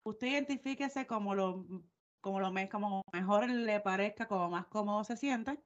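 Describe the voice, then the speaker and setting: A woman's voice: medium pitch, moderate pace, muffled recording. A Puerto Rican woman co-hosting a podcast, telling stories in a chatty way full of asides. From Puerto Rico. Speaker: podcast co-host. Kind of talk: casual chat.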